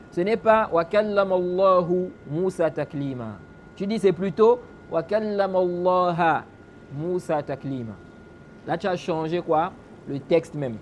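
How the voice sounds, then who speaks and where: A man's voice: high-pitched, a little hiss or hum. A man giving a religious lesson in French. He explains a classical text, keeps asking rhetorical questions and answering them himself, and recites Arabic phrases along the way. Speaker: religious teacher.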